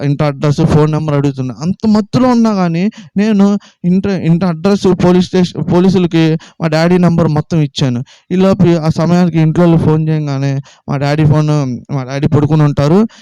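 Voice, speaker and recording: Man from Andhra Pradesh, faith testimony, fast repetitive storyteller, smooth mellow voice, dry close sound. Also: a little high, no room sound, highs cut off. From Vijayawada, Andhra Pradesh. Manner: rapid, repetitive storytelling that acts out quoted dialogue. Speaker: testimony speaker.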